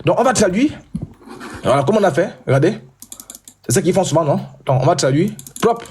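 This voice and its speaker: A man hosting a heated live debate, talking loudly and insistently and repeating himself. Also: high voice, lively intonation, brisk, a little hiss or hum.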